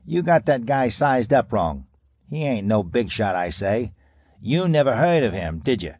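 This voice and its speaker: A man voicing a raspy, impatient ex-mobster, talking in loud, sneering gangster slang in an audiobook. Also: medium pitch, very animated, measured pace, dry recording, clean studio sound. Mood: scornful. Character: impatient, arrogant ex-mobster man, tough talker. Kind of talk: audiobook character voice.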